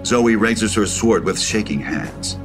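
A man reading screenplay stage directions as narrator in a measured, dramatic manner. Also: fairly low pitch, lively intonation. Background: music.

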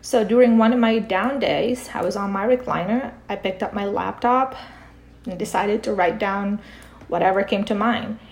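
Gravelly-voiced middle-aged woman, calm. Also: mid-range voice, normal speed. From Philippines. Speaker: guest, parent coach and author. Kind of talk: podcast interview.

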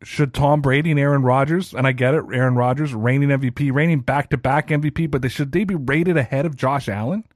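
Fast and with few pauses, a thirtysomething podcast host rants through his solo sports show in a casual, self-deprecating way. His mid-range voice keeps a fairly even intonation. It's a dry, studio-quality recording.

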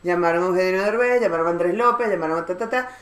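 A woman from Venezuela with a Venezuelan accent, a guest actress telling lively anecdotes in casual chat and acting out the people she quotes. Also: lowish voice, very fast. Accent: Venezuelan Spanish. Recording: echoey room.

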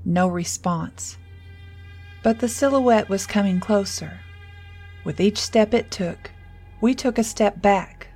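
Woman narrator, husky, suspenseful horror read. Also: mid-range voice, slow pace, pauses often, mellow, soft background music. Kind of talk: scripted horror story narration.

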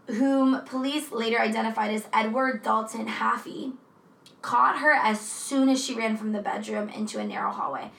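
Casual true crime co-host, woman, gravelly voice pitched a bit high, roomy echo. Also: distant mic. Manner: chatty, profane, animated asides. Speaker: podcast co-host.

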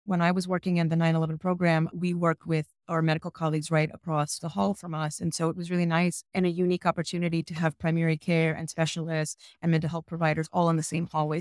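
A woman's voice: sits low, darkish tone, dry recording, studio quality. A woman, a psychologist guest on a podcast, explaining her approach earnestly and telling stories about her patients. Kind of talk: conversational podcast interview.

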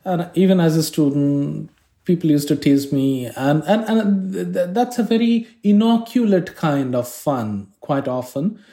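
A man from Kolkata speaks with a Bengali accent, his voice warm and darkly mellow. He answers interview questions in a measured, reflective way, with the odd halting restart. The recording carries a noticeable roomy echo. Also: a little high, animated. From India, Kolkata. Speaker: interviewee, scientist.

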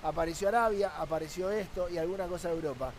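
A man's voice: on the high side, fast, a little hiss or hum. A man with an Argentine accent, a sports journalist arguing his point on a football talk panel with rhetorical questions.

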